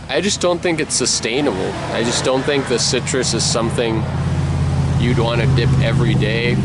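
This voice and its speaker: A man giving a casual, rambling review as he talks with a wad of chewing tobacco in his mouth. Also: mid-range voice. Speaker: product reviewer. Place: outdoors. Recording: noisy outdoor recording, people and traffic behind. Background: loud people nearby, vehicle noise.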